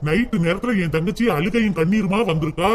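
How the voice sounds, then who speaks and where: A man's voice: high-pitched, fast, lightly acted. A man doing a coaxing dutiful son. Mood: angry. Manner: pleading, repeated coaxing calls. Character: dutiful adult son and husband, soothing then angry.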